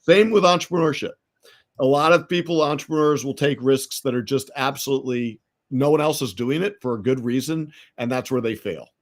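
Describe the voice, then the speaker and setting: Speaking briskly in a mid-range voice, this middle-aged entrepreneur from the United States is a podcast guest with an American accent. He tells stories in a casual interview, with many fillers and restarts.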